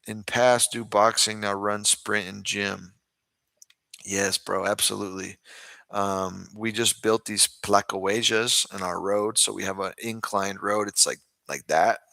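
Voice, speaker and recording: A man's voice: fairly low pitch, fairly even intonation, measured pace, gravelly, pushed and bright, no echo. A man from the United States chatting casually and informally as host, speaking directly to his viewers. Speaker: host, boxing club trainer. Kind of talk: casual livestream chat.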